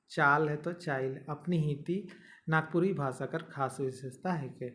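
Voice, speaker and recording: Man teaching grammar. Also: on the high side. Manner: explains step by step, repeating and checking "ठीक है". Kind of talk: exam-prep grammar lesson.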